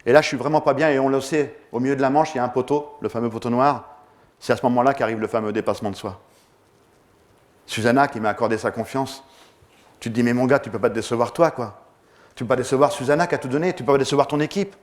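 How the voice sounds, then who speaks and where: A man's voice: mid-range voice, quick pace. A man giving a motivational talk, telling his story vividly and acting out the scenes. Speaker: motivational speaker.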